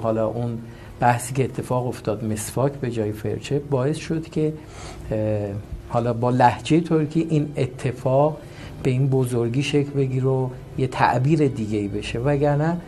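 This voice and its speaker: A man's voice: mid-range voice, darkish tone. Guest man from Iranian Azerbaijan, earnest and explanatory, faint background noise. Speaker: comedy actor as guest. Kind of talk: explanatory interview answers.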